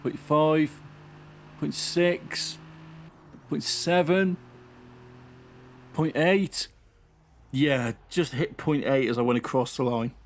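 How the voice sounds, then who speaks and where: A man's voice: a little high, fairly even intonation, slow pace, pauses often. A man giving casual, chatty running commentary while playing a racing game. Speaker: gaming channel host.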